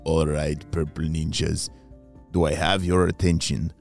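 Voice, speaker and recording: A man voicing a scheming villain doctor in a very low, menacing growl for a kids' story podcast. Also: little pitch movement, a little slow, gravelly, a little mellow, faint music behind, full character voice.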